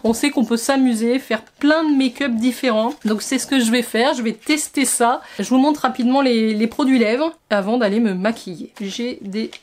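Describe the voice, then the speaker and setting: A woman's voice: on the high side, normal speed, few pauses, a little mellow. A woman beauty vlogger chatting enthusiastically through a makeup palette review, with frequent restarts. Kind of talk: casual makeup review to camera.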